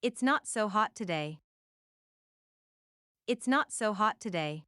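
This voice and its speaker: A woman at a mid pitch reads short practice phrases at an unhurried pace, repeating each one several times in an even, deliberate way. Her voice is smooth and clear, recorded dry and close with no room sound. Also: dry recording. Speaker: English phrase reader. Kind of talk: slow read-aloud of practice phrases.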